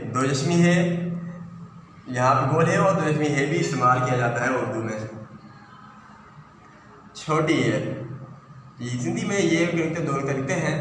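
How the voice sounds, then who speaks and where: A man's voice: medium pitch, a bit bright, a little hiss or hum. A man teaching a classroom lesson, patiently explaining step by step. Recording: echoey room, heard from far off.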